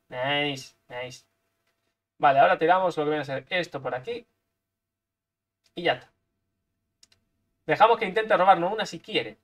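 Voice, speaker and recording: Man, high-pitched, playful game commentary, lots of repeated sound effects. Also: phone-quality sound. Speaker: gaming streamer. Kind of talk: live gameplay commentary.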